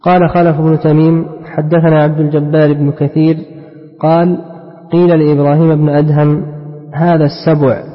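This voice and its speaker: A man's voice: on the high side, level tone, a little fast. A man reading a classical text aloud to his teacher, repeating phrases when he is asked. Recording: dull lo-fi sound in a reverberant hall.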